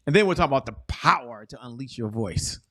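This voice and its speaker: A man's voice: medium pitch, expressive, fairly quick, a bit bright. A man hosting an entrepreneur interview show, enthusiastic and emphatic, repeating words for effect. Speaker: show host. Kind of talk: energetic interview talk.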